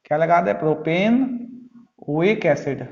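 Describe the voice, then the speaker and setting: Lecturing his chemistry class at a measured pace, a male teacher uses a darkish, fairly high voice with vocal fry. He patiently drills the students by asking questions and answering them himself, and the recording is echoey, dull, and lo-fi.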